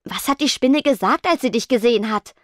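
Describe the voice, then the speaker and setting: A woman's voice: fairly high pitch, fairly quick, fairly bright tone, no echo, studio quality, pitched above the performer's own voice, lightly acted. A woman doing a snappy plant monster girl. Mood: irritated. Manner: blunt, snappy.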